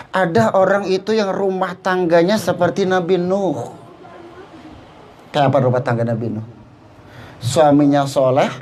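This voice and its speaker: Man, high voice, humorous preacher, talks straight to listeners. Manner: jokey, addresses listeners directly, mixes in Javanese phrases. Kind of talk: humorous religious talk.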